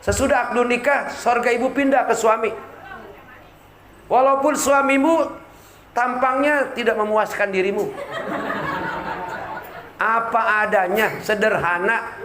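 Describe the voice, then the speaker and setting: Male preacher, high voice, comic sermon style, echoey room with a crowd. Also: steady tone, a little slow, long pauses, noisy background. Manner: joking, acts out quoted voices. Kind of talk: humorous sermon. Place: community religious gathering.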